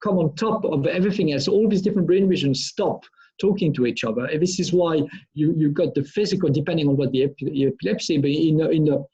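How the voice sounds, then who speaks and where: His voice a little high, fast and warm with a breathy edge, a middle-aged Frenchman who works as a brain engineer explains answers to schoolchildren in a live online Q&A. He restarts and repeats phrases often. The audio is dull, lo-fi video call sound.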